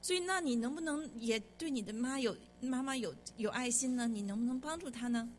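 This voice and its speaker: A woman's voice: sits high, a little fast, slight background noise. A woman interpreting a sermon line by line, speaking fluently with occasional restarts.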